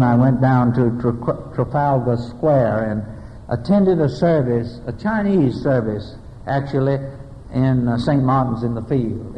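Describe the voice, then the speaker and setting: An older man preaching a sermon, telling stories with deliberate pauses and ending in prayer. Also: medium pitch, a little hiss or hum. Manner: storytelling preacher, dramatic pauses, closing prayer. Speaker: pastor. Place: church sanctuary. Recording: dull lo-fi recording with long church reverb.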